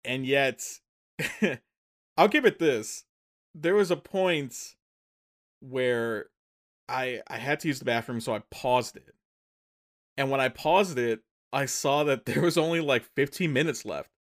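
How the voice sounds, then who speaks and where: This podcast co-host has a medium-pitched voice and speaks slowly, leaving long pauses. Chatting casually about a film he's recapping, he wanders off track, fixes his own statements, and frequently breaks into laughter.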